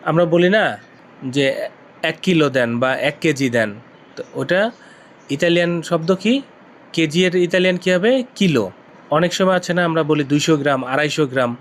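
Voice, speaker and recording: Male teacher from Bangladesh, slightly high voice, drills vocabulary by patient repetition. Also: a bit bright. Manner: repeats each word slowly several times. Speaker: language teacher. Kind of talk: vocabulary lesson.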